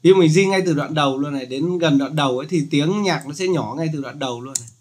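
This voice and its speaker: A chatty man talks through a casual screen-recorded software tutorial. His voice sits slightly high, and his explanations stay loose and joking. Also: quick pace.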